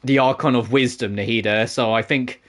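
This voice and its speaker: A man's voice: medium pitch, steady tone, moderate pace. A man giving casual, rambling commentary while playing a game, laughing often. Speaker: gaming streamer.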